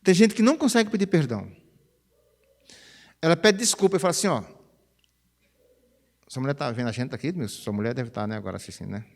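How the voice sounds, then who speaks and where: A pastor, preaching a chatty, conversational sermon. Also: male voice, mid-range voice, fast talker, pauses often. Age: 50s. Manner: chatty, animated, peppers phrases with "né?". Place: church sanctuary. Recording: reverberant church hall.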